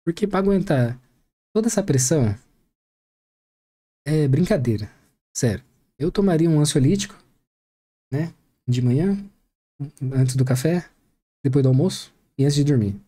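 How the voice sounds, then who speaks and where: A man's voice: fairly high pitch, lively intonation, normal speed, pauses often, dark tone, slightly rough. A man hosting a reaction video, making jokey, chatty asides about a press conference. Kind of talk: casual joking commentary.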